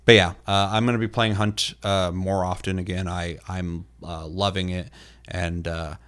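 A man with a very low-pitched voice chats casually on a gaming podcast. His delivery is loose and rambling, padded with fillers and dotted with swearing. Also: little pitch movement, moderate pace, a bit bright, smooth. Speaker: podcast co-host.

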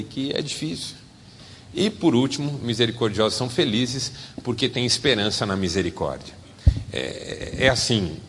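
A man with a Brazilian Portuguese accent preaching a sermon as a pastor, animated and swinging from loud to soft. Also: medium pitch, big-room sound, a little hiss or hum.

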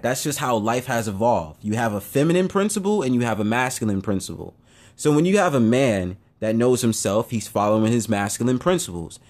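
A man's voice: medium pitch, a little mellow. A young man hosting his own show, giving a casual, blunt opinion monologue that rambles and circles back on itself. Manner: rambling, blunt, repeats himself. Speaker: show host.

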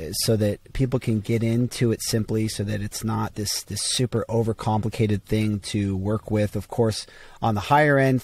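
Lower-voiced man stammering through restarts. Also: a little mellow. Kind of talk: casual tech discussion.

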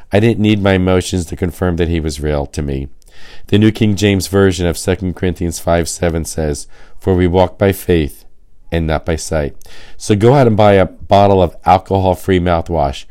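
Deep-voiced man with a hoarse laryngitis rasp. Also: a little mellow, no room sound, clean studio sound. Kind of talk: scripted devotional monologue.

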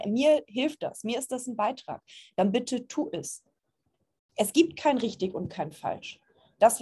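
A woman's voice: mid-range voice, a little mellow, breathy edge. A woman giving a casual, earnest talk as a spiritual course teacher, reassuring listeners and dropping frequent "ja" fillers.

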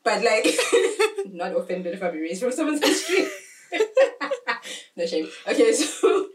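A woman's voice: mid-range voice, sing-song, a little slow. A young woman co-hosting a podcast, telling a dating story in slangy casual chat and laughing often. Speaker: podcast co-host. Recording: roomy, distant mic, faint noise.

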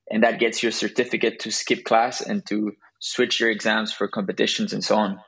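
A young man from Belgium, a guest in a podcast interview, talking in a relaxed way with frequent restarts and laughs. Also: on the low side, gravelly, poor audio. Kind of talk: conversational interview.

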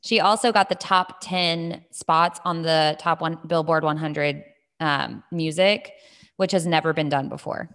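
A woman with a fairly low voice hosts a casual podcast. She talks in a chatty, conversational style. The sound rings with the long echo of a gym. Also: fairly even intonation, a little slow, a bit bright. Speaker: podcast host. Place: indoor gym with strong echo. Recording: echoing gym, long reverb.

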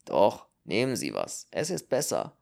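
A man reading a cynical, gravelly exiled politician. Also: lowish voice, huge pitch swings, a little slow, darkish tone, full character voice. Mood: wry. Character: cynical, world-weary male exiled politician. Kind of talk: audiobook character reading.

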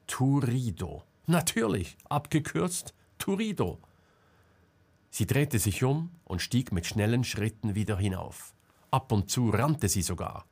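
A man reading an audiobook as narrator in a calm, measured way. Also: lowish voice, slightly rough. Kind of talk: scripted narration.

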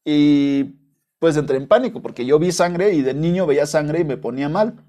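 A young podcast host with a Mexican accent spins rambling, slang-heavy, profane stories as a casual monologue. He speaks at a normal speed in a mellow voice that is a little high.

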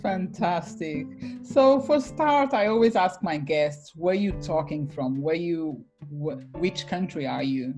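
A woman's voice: low voice, lively intonation, takes it slowly, a little mellow, soft background music. A woman hosting a podcast interview, upbeat and welcoming as she introduces and questions her guest. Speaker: podcast host.

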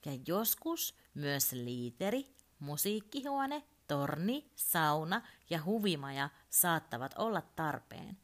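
A woman gently reading a children's story aloud. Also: sits low, big pitch swings.

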